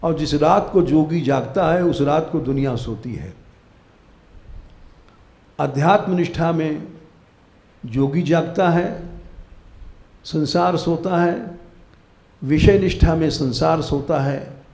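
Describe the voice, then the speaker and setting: Older guy preaching slow and firm, mellow voice a bit high, echoey hall. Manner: exhorting, commanding listeners to wake up. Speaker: spiritual teacher giving a discourse. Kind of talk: live devotional discourse. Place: temple hall, live gathering.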